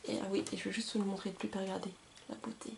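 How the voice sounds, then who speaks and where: A woman's voice: medium pitch, flat delivery, rapid-fire, gravelly, noisy background. A young woman reviewing books in a casual vlog, chatty and enthusiastic, with many hesitations, recorded on a camcorder in a room with the blinds shut. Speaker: book reviewer. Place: indoor room with blinds closed.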